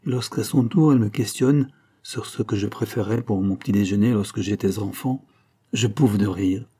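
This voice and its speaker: A male audiobook narrator reading a first-person novel in a calm, measured way. His low voice is dark and mellow, with a husky edge.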